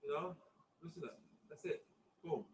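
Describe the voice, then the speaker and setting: Speaking at a normal speed in a fairly high voice, a fifty-year-old acupuncturist casually demonstrates online, chatty and repetitive, calling his viewers "y'all." Slight background noise is audible.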